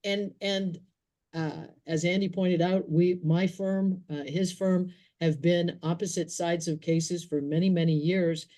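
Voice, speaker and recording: A woman's voice: fairly low pitch, fairly even intonation, measured pace, warm tone. A woman attorney speaking earnestly on a panel, with some fillers. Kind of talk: panel discussion remarks.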